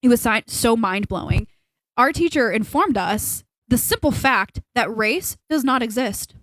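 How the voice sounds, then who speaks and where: A young woman co-hosting a casual podcast, her voice sitting a little high. She rambles through her opinions and leans hard on her points. The sound is dry and close, with no room echo. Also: expressive, measured pace, fairly bright tone. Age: young adult. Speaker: podcast co-host. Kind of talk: casual chat.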